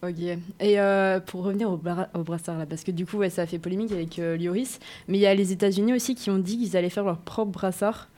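A woman's voice: on the low side, steady tone, fast talker, few pauses, mellow. A woman presenting a segment on a sports talk show, chatty and laughing, with many hesitations. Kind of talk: casual radio chat.

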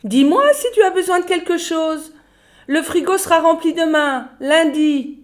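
A woman voicing a fussy, condescending secretary who gushes over the phone in a high sing-song voice. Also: measured pace. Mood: gushing.

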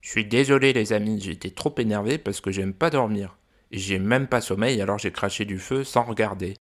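A man's voice: lowish voice, brisk, close to an everyday voice. A man voicing a small, shy boy dragon who sounds sulky and childlike, in a children's audio story.

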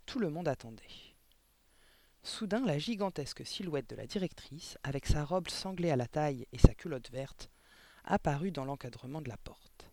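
Male storybook narrator, expressive, higher pitch, dry booth sound. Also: moderate pace, no room sound. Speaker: audiobook reader.

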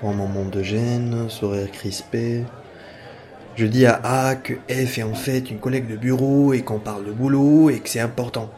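A man's voice: mid-range voice, fairly even intonation, warm tone. A young man telling a personal night-out story in a casual, wry way, with frequent hesitations. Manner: casual, wry, fillers and pauses. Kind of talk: first-person spoken story.

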